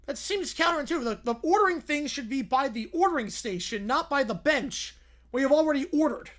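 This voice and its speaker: Excitable woman streamer, high voice all over the place, poking fun at what she watches. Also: brisk. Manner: excitable, mocking, repeats phrases gleefully. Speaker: livestream host reacting to videos. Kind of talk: casual reaction commentary.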